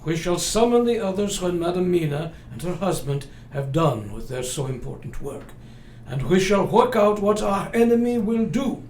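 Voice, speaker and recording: An actor playing an old foreign professor and vampire hunter in a radio play, speaking with grave, formal, halting earnestness. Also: male voice, high-pitched, a little mellow. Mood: encouraging. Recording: roomy, faint background noise.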